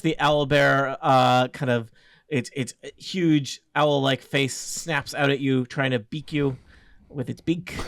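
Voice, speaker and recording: A man narrating a tabletop game as game master, improvising haltingly with pauses mid-sentence. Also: fairly high pitch, clear, resonant tone, no echo.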